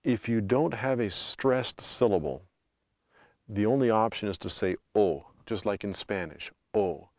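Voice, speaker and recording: A North American man hosting a language lesson, explaining pronunciation in a clear, steady teaching tone. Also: lowish voice, normal speed, dry recording, clean studio sound.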